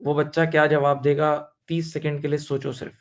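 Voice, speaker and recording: A man's voice: on the high side, little pitch movement, a little fast, lo-fi sound. A man teaching accounting, asking his students questions and answering them himself, repeating each point and telling a story to explain it. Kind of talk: classroom lecture.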